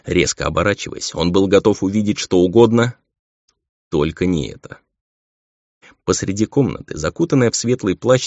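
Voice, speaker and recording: Deep-voiced man narrating an audiobook. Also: dry recording. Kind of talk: scripted narration. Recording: dull lo-fi dry recording.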